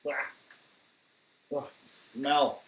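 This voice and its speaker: A man's voice: extremely slow, a bit bright, rough recording. A man in his thirties, originally from Southern California, chats casually on a home livestream. He reads viewer questions aloud and answers them in a candid, matter-of-fact way, with plenty of fillers and restarts. He is picked up by a laptop mic in his living room. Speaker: musician livestreaming Q&A. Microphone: webcam or laptop mic at desk.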